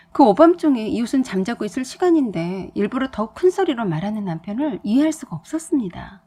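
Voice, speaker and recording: Female storyteller, breathy voice, lively pitch, soft scripted narration.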